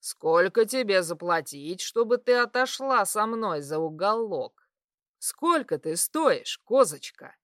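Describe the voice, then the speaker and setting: A woman voicing a drunk, lecherous male warlock who talks in a slow, loud, leering drawl, lower than her own voice. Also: sing-song, no echo, clean studio sound.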